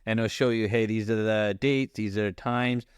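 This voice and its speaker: A man's voice: lowish voice, fairly even intonation, moderate pace, clear, resonant tone, dry recording, studio quality. A man co-hosting a podcast in casual chat, rambling with lots of "like" fillers. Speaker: podcast co-host.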